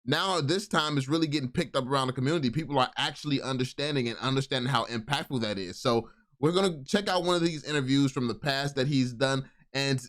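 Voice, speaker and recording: A man's voice: medium pitch, fast, a bit bright. A man giving casual, enthusiastic video commentary, often repeating and restarting his words. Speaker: crypto YouTube commentator.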